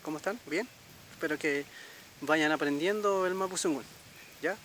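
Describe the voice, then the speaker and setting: Man, middle-aged, from Chile, language teacher, patient, repetitive, slightly high voice. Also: fairly bright tone, a little hiss or hum. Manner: patient, repeats words slowly, checks in with "¿ya?". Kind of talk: casual spoken lesson.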